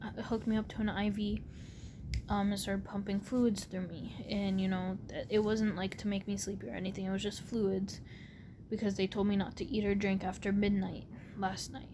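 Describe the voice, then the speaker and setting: A young adult woman telling a personal story casually to camera, rambling and halting, her words slightly muffled by a sore, barely opened mouth. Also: little pitch movement. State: sore mouth after wisdom tooth removal. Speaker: vlogger. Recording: clear background noise with low rumble.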